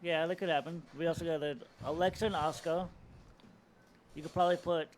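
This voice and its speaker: A man's voice: on the high side, fairly even intonation, fairly quick, a little hiss or hum. A man co-hosting a wrestling podcast in casual chat, mostly agreeing and adding short remarks. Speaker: podcast co-host.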